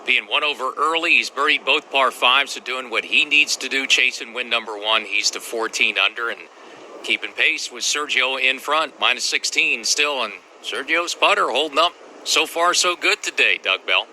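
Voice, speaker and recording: A man's voice: medium pitch, moderate pace, bright, forceful tone, a little hiss or hum. A man anchoring live golf commentary, giving leaderboard updates and handing over to reporters. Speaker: anchor host of golf radio coverage.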